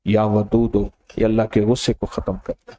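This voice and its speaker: A man giving a sermon, telling stories and speaking directly to his listeners in an animated way. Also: lowish voice, a little hiss or hum. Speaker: religious preacher. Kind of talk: storytelling sermon.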